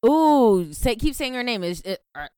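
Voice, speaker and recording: A woman's voice: fairly high pitch, big pitch swings, moderate pace, warm tone, clear, resonant tone, no echo. A woman co-hosting a podcast in casual chat, talking bluntly with sarcasm and plenty of swearing. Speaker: podcast co-host.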